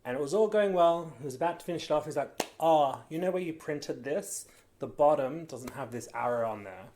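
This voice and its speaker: A woman's voice: low voice, lively intonation, a little fast, dark tone, a little hiss or hum. A woman, co-hosting a casual podcast and telling stories in a chatty, rambling way. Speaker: co-host.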